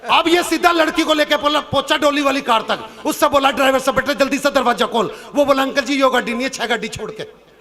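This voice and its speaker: Male stage comic poet, piercing high pitch, storytelling for a live show. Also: fast talker, sharp tone. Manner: acts out characters' lines in shifted voices; turns earnest and preachy near the end. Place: outdoor or hall stage before a live audience.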